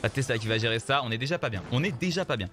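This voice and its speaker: Animated gamer streaming over music. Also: male voice, medium pitch, racing. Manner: animated, joking, repeats himself, addresses viewers as "les gars". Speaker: streamer playing a mobile card game. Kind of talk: casual live game commentary. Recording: game music playing faintly behind.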